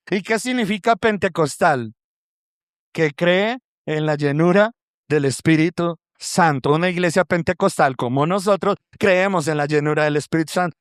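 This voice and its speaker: A pastor with a fairly high voice preaches to his congregation, calling them brothers as he goes. He tells stories with lively acted-out quotes. The sound is dry and close, with little room echo. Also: clear, resonant tone. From Colombia. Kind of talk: sermon. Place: church.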